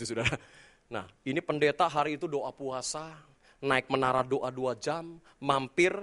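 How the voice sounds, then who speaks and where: A middle-aged male pastor, preaching with humor and lively storytelling, calling out to the congregation often. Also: medium pitch. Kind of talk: sermon.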